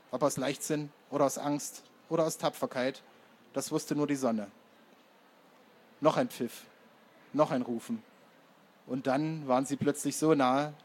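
Man reading a story in measured tones. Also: mid-range voice, darkish tone. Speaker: narrator. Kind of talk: scripted audiobook narration.

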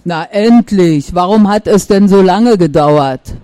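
A woman voicing a big, fat, grumpy tomcat who grumbles gruffly in a storybook reading. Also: fairly low pitch, measured pace, warm tone, dry recording, natural voice.

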